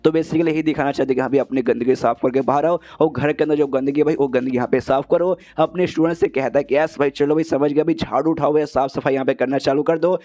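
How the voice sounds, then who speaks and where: A man narrates a comic story in a loose, chatty style. His voice sits a little high with a mellow, warm tone. He rattles along at a rapid clip, calling the listener "brother" again and again. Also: fairly even intonation. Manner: chatty, says "bhai" in nearly every line. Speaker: manhwa recap narrator. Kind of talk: casual story recap.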